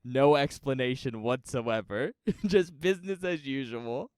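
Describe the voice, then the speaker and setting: A man with a smooth, resonant voice co-hosting a podcast. He teases his partner in a laid-back way and laughs often. The sound is dry and close to the mic. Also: medium pitch, measured pace, a little mellow, dry recording. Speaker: podcast co-host. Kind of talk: casual chat.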